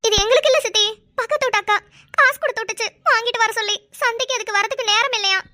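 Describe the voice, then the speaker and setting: A blunt young village girl in a cartoon chatters away in a very high, bright voice, as a woman plays her. She rattles along quickly with a rural lilt. Her tone stays sharp and cheerful. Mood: chatty.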